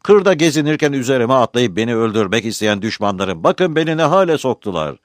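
A man's voice: mid-range voice, sing-song, a little fast, no room sound, clean studio sound, pitched above the performer's own voice, lightly acted. A man acting a wounded ancient soldier crying out to a crowd. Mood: impassioned, indignant. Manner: crying out to a crowd, pleading and indignant. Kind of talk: dramatized documentary narration.

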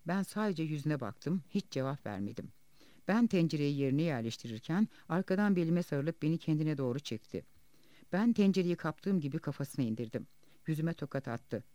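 A man reading as a wounded woman cleaner, subdued and lively. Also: a little high, moderate pace, dry recording, close to an everyday voice. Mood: grim. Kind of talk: audiobook reading.

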